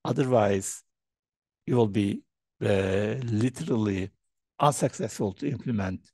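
Halting man giving a keynote. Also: on the low side, darkish tone, dry recording. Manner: hesitant, many fillers and repeated words. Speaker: keynote speaker. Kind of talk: conference keynote presentation. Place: indoor room, presenting remotely. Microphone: video call webcam.

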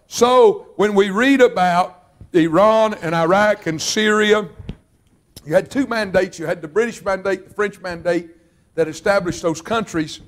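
A man preaching a revival sermon, fervent and drawn out, sometimes shouting. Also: high voice. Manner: fervent, shouting at peaks, drawn-out emphatic phrases. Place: church sanctuary.

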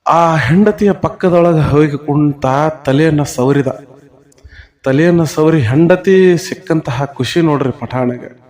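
Guy w telling a devotional tale, pitch a bit high, acts out the lines. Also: unhurried, a little mellow. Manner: dramatic, acts out the characters' pleas. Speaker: storyteller. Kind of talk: devotional storytelling.

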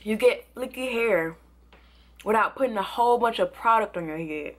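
A young woman reviewing products in a casual, excitable vlog, sometimes talking with food in her mouth. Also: fairly high pitch, moderate pace. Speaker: beauty and product vlogger.

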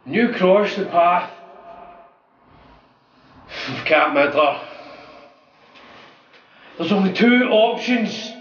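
A man playing an aggrieved, melodramatic wrestler vowing revenge in a wrestling promo, with dramatic pauses. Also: high voice, lively intonation, recorded from a distance, highs cut off, exaggerated voice. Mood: brooding menace. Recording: echoey room, off the mic.

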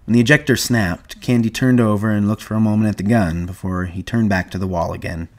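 A man reads a novel aloud in a low voice. His narration is measured and even, in a plain audiobook telling. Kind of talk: audiobook reading.

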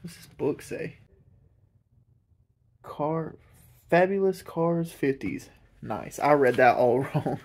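Slow and animated, pausing often, a fairly high-voiced man narrates a walkthrough of a deserted old house with the excitement of a chatty tour guide. The urban explorer host records on a handheld camera mic, and a little hiss or hum is audible.

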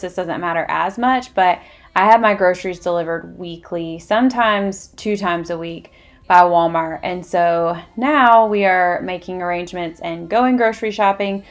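Chatty woman talking over footage. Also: on the low side. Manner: chatty, earnest, rambling asides. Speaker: vlogger. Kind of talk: casual voice-over chat.

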